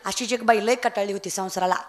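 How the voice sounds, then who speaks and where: A woman's voice: mid-range voice, fairly even intonation, fast, some chatter behind. A young woman giving a comic devotional kirtan sermon, telling a story, breaking into sung verses and teasing the audience. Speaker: kirtan preacher.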